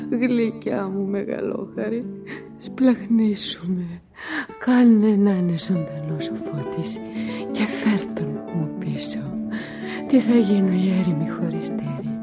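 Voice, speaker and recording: A woman's voice: mid-range voice, lightly acted. An actress playing a young village woman who pleads in fervent prayer in a radio drama. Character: young village woman praying for her lost love. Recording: music playing underneath.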